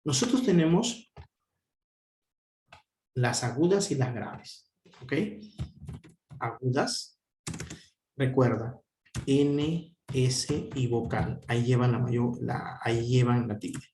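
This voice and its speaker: A man teaches a grammar lesson in an echoey room. He talks slowly, drawing out the syllables. His voice rises and falls a great deal as he asks questions and answers them himself. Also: medium pitch, animated, darkish tone, a little hiss or hum.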